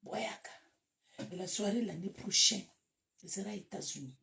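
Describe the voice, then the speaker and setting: A woman with a Cameroonian French accent chatting casually to her followers, animated and breaking into loud bursts. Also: mid-range voice, normal speed, creaky. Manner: animated, laughs loudly, shifts to loud bursts. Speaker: social media live host. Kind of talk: casual live chat to followers.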